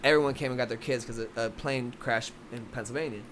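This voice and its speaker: Young man from Philadelphia, boxing coach guest; quick, rambling, loose and casual delivery. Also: medium pitch, fairly even intonation, a bit bright, slight background noise. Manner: fast, rambling, many restarts. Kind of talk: casual interview chat.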